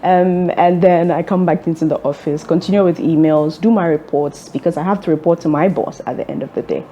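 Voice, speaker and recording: A young woman, an executive director, giving measured, orderly interview answers with occasional ums. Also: on the low side, warm tone, highs cut off, slight background noise. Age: young adult. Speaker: executive director of a fuel transport firm.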